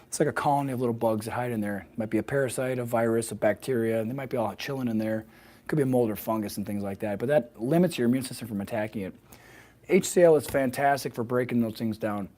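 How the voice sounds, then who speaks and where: A man with a slightly hoarse, froggy voice explaining wellness informally as a presenter on a live video, often adding small check-in questions. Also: medium pitch, darkish tone. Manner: fluent, explanatory, often checks with "right?" and "okay?". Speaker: health practitioner hosting a weekly wellness video.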